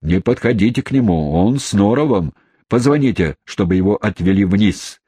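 A man reading a gruff, quick-tempered old gentleman in a storybook, with a low husky voice and a dry close recording. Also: expressive, dry recording. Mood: angry. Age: older. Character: elderly male host, hot-tempered and blustering.

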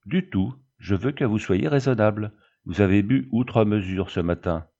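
A man reading the part of a calm, sardonic frontier lieutenant who answers curtly and dryly. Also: fairly low pitch, normal speed, creaky. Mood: cool. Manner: curt, calm, dry. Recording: dull lo-fi recording.

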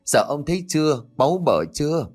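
A man's voice: on the high side, animated, fairly quick, darkish tone, faint music behind, voice pushed up. A man voicing a bitter, nagging elderly grandmother who complains in a whining manner. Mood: bitter complaint.

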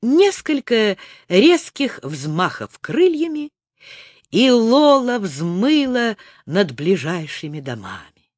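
A woman narrating a children's audiobook in a slow, expressive storytelling manner. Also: medium pitch, no echo, studio quality.

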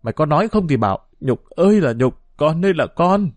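A raging village mother from a storybook, shrill and wailing as she berates her daughter, as a male narrator puts her on. The voice rides high above the reader's own, loud and swinging wildly up and down, in a dry, close sound. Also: expressive, a little fast, no room sound, close to an everyday voice. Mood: scolding. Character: furious middle-aged village mother.

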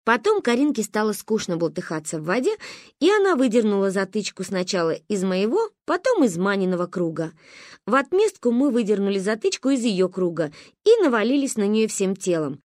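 Lively woman reading a story. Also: medium pitch, a little fast, dry recording, clean studio sound. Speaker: audiobook narrator. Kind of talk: expressive audiobook reading.

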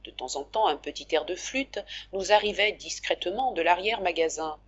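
Husky-voiced woman reading a novel. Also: on the low side, highs cut off. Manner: measured, expressive storytelling. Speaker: audiobook narrator. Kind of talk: audiobook reading of a classic novel.

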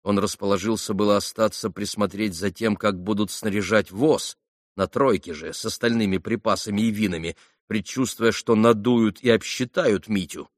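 A man narrating a classic novel as an audiobook, with a steady, even reading on a close studio mic. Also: on the low side, moderate pace, dry recording. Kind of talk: scripted narration.

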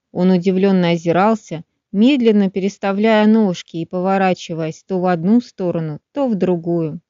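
A woman narrating a children's audiobook in an expressive storytelling manner. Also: medium pitch, no echo. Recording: dull, dry studio sound.

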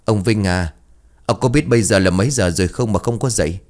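A man's voice: lowish voice, fairly quick, a little mellow, close to an everyday voice. A man reading the lines of an irritated and frightened middle-aged village wife who nags and pleads. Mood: scolding. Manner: nagging, then pleading.

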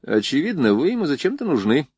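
A man's voice: a little high, sing-song, quick pace, a little mellow, husky, dry recording, voice pushed up, full character voice. A man reading as a decisive old general. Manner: authoritative. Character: older general, shrewd and decisive.

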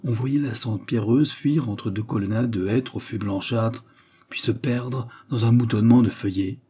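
A man narrating a classic novel as an audiobook in a calm, measured reading. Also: medium pitch, a little hiss or hum.

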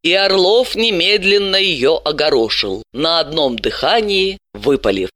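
A woman narrating an audiobook with expressive, ironic storytelling. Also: low-pitched, unhurried, dry recording. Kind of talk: scripted narration.

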